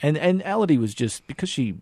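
A man's voice: a little high, sing-song, fairly quick, warm tone, no echo. An Australian man, a documentary filmmaker, chatting enthusiastically in a radio interview, with lots of fillers and restarts.

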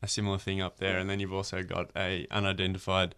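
Bright, smooth-voiced male radio host. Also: sits low, monotone, fast talker. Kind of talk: radio interview.

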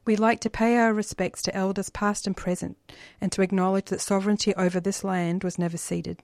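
A woman's voice: mid-range voice, little pitch movement, brisk, darkish tone, dry recording. Aussie lady hosting community radio, middle voice, dry close mic, reads the intro then chats. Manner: friendly, scripted intro then easy chat. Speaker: radio host.

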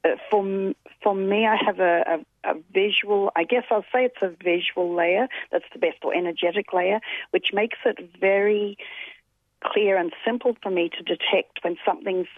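A woman in her forties, speaking at medium pitch with fairly even intonation and normal speed, joins an interview as a guest over a call. She reflects thoughtfully, with many fillers and restarts, on a tinny, phone-like line that is dry with no echo.

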